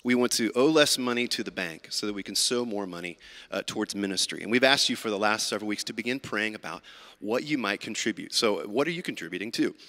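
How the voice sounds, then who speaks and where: A man leads a church service as pastor, talking casually and stumbling over his words with fillers and restarts. His voice is bright and forward, and it rings through a large church sanctuary with a long reverb, as heard on a livestream. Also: fairly low pitch, animated, fast. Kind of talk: church announcements and prayer.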